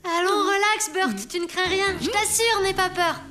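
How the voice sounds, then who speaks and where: An actress playing a bossy, confident child gang leader in a cartoon, speaking in a self-assured, formal way. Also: female voice, very high-pitched, fairly even intonation, normal speed, music in the background. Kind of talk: animated cartoon dub.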